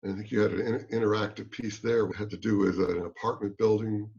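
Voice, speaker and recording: Lower-voiced curator man, hesitant. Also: steady tone, creaky, darkish tone, highs cut off. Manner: hesitant, many filler pauses. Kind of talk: interview over video call. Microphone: video call.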